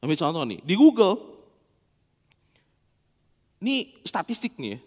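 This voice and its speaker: Pastor, high and very animated, playful sermon delivery, long church hall reverb. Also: male voice, a little slow. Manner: animated, playful, acts out dialogue. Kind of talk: lively sermon with humorous anecdotes.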